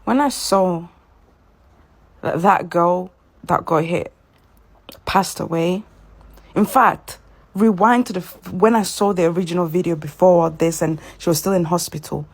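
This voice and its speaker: A woman's voice: lowish voice, unhurried, long pauses, breathy edge. A woman speaking earnestly in reflective, spiritual commentary.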